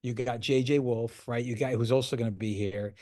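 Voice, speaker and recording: A man hosts a casual podcast chat at a middle pitch. He talks with keen enthusiasm, filling gaps with easy asides. The recording is dry and close. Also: steady tone, a little fast, warm tone, dry recording. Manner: enthusiastic, conversational, many you-knows. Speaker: podcast host and magazine editor.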